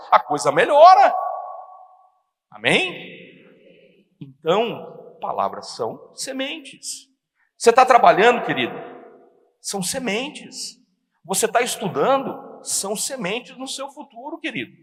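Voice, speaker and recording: A middle-aged Brazilian man preaching a sermon, telling stories with acted-out dialogue. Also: a little high. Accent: Brazilian Portuguese. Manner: animated storytelling, acting out dialogue. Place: church hall. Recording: long church hall reverb.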